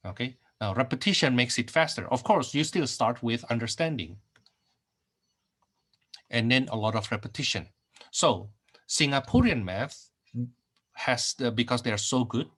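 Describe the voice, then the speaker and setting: Teaching a math class through a screen recording, a middle-aged man from Indonesia speaks in a mid-range, slightly bright voice. The recorded online lecture features many repeated phrases, fillers and okays.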